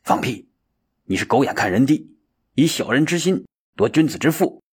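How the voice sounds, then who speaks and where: A man's voice: medium pitch, moderate pace, husky. A man voicing an impulsive young male monk who talks eagerly and bluntly. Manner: excited, blunt.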